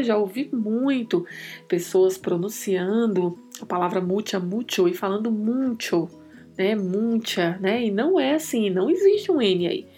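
A woman hosting a podcast lesson, teaching Spanish to Portuguese speakers and drilling each word's pronunciation slowly and carefully. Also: on the high side, warm tone.

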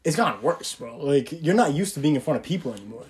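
A man's voice: a little high, sing-song, fast, darkish tone. A young man co-hosting a casual podcast chat, talking emphatically with frequent swearing. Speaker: podcast co-host.

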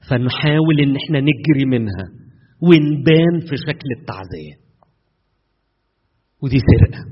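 A man's voice: medium pitch, slightly rough. A man preaching in Egyptian Arabic, in an earnest, colloquial way with many fillers and sudden emphatic rises. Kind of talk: conversational sermon. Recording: echoey hall, dull lo-fi sound.

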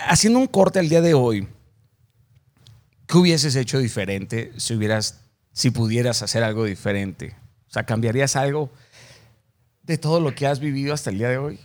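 A man with a Mexican accent hosting a casual interview. He asks long, meandering questions and uses plenty of colloquial slang. His voice has an ordinary, mid-range pitch. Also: animated, normal speed, pauses often. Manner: rambling questions with many fillers and restarts, slangy. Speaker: interviewer, host.

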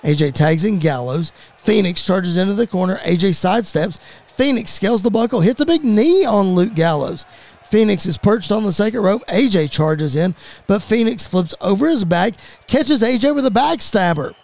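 A man calling a fantasy wrestling show as play-by-play commentator, rapid-fire and rising to excited shouts at the big moments. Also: high-pitched.

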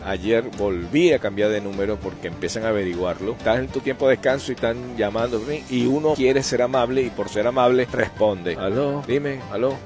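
A man's voice: fairly low pitch, brisk, hardly any pauses, music in the background. A man vlogging as he drives his truck, chatting casually and joking, sometimes slipping into voices. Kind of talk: casual chat while driving. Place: truck cab on the road. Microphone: camera mounted in the cab.

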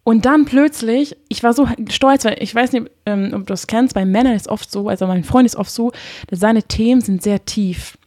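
Warm-spoken woman, dry. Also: fairly high pitch, normal speed, few pauses, no room sound. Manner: open, emotional, chatty with frequent fillers. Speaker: podcast guest, couples therapist. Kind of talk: casual heartfelt conversation.

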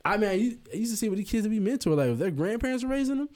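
Fast-talking, high-voiced man in casual chat. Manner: animated, acts out quotes of his kids and parents; uses profanity freely. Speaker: podcast co-host.

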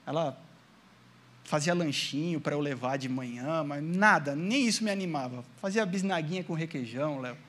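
A man from Brazil preaches to his congregation, weaving a personal testimony into the sermon. His voice sits high for a man, and he keeps addressing the listeners directly, asking them for an amen. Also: normal speed, fairly bright tone. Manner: storytelling, acting out his own past prayers and quotes. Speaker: pastor.

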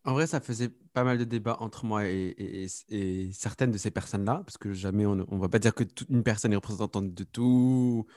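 A man hosting a casual podcast, talking in a relaxed, conversational way. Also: fairly low pitch, a little fast, hardly any pauses, dry recording, clean studio sound. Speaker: host.

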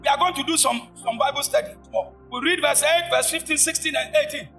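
A man preaching in church with a strikingly high, bright and piercing voice. He shouts his points and keeps calling out to the congregation for answers. Faint music plays behind him. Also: fast talker. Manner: shouting, call-and-response preaching. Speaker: pastor. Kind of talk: sermon. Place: church service.

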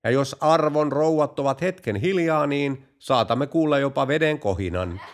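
A man's voice: mid-range voice, noisy background, lightly acted. A man voicing a mock-formal tour guide with a sly tone in a joke. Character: male tour guide, polite but snide.

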